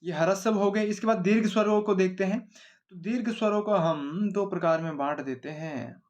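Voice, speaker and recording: A man's voice: sits high, normal speed. A male grammar teacher giving an exam-oriented lesson at a board, explaining simply and often asking and answering his own questions. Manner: explains simply, repeats questions and answers them himself, asks 'है ना?' often.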